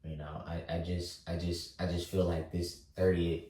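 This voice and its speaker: A thirty-year-old man vlogging, talking slowly through his thoughts with lots of fillers and restarts. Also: low-pitched, level tone, warm tone, distant mic. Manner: halting, many fillers and restarts. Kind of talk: reflective casual monologue. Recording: roomy echo, voice set back from mic.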